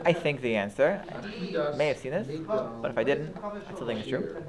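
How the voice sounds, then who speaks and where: A man's voice: medium pitch, animated, normal speed, a loud crowd. A man teaching about the Passover Seder to a listener, earnest and repeating himself, mixing in Hebrew terms. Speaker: Torah teacher. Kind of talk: explaining Passover Haggadah to a listener.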